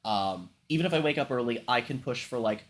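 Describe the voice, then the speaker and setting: Hosting a casual livestream while congested and ill, a man talks briskly and animatedly in a mid-range voice, coughing occasionally. His rambling is peppered with frequent swearing and ums, and a little hiss or hum runs under the audio.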